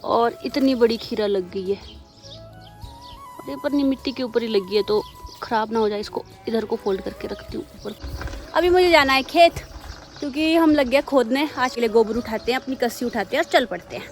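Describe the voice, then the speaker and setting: A woman's voice: on the high side, brisk, darkish tone, soft background music. Chatty young Pahadi woman vlogging outdoors. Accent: Pahadi Hindi. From Himachal Pradesh, India. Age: young adult. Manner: chatty, shows things as she goes. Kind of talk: casual village vlog chat. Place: outdoors at a hill village farm.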